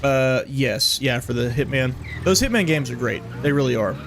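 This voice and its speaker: A man's voice: mid-range voice, expressive, normal speed, fairly bright tone, slight background noise. A young man casually commenting while streaming a game, rambling and joking. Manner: chatty, rambling, jokey. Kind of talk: casual live gameplay commentary.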